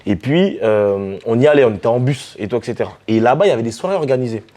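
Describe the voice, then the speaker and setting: A man from the French Caribbean, a DJ and artist telling stories in a relaxed interview, with many fillers and restarts. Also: mid-range voice, fast. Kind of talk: casual storytelling interview.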